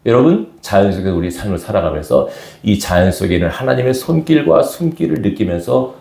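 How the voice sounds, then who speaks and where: A man's voice: fairly low pitch, animated, brisk, vocal fry, mellow, echoey room. A man preaching a sermon as pastor to his congregation, often asking them questions. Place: church sanctuary.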